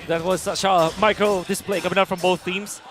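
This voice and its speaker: A man's voice: sits high, fairly even intonation, brisk, music in the background. A man working as an esports caster and analyst, explaining the game in a conversational way.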